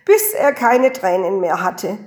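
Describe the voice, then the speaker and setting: A woman reading a children's story aloud with lively, expressive storytelling. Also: medium pitch, unhurried.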